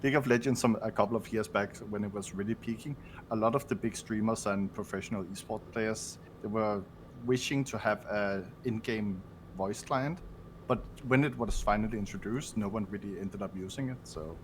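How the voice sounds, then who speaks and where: A man with a somewhat low voice chats on a podcast in a wry way, sometimes laughing at his own words. Faint hiss runs behind him. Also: normal speed. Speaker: podcast guest. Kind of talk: casual podcast chat.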